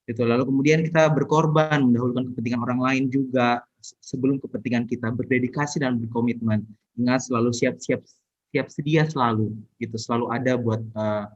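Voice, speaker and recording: A man closes a seminar session as moderator. He speaks in a measured way, pausing with hesitant fillers. The audio is dull and lo-fi. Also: mid-range voice. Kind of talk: summarizing wrap-up. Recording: dull lo-fi sound.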